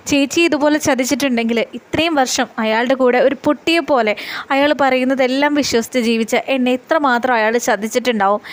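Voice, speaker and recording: Upset young wife, fed up with her husband, voiced plainly by a woman narrator, higher pitch. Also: lightly acted.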